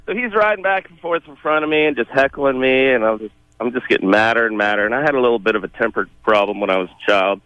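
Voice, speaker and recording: A man calling in to a radio show, telling a childhood story with animated, laughing delivery. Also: mid-range voice, fast, few pauses, clean tone, no room sound, muffled recording. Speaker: caller. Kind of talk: phoned-in storytelling.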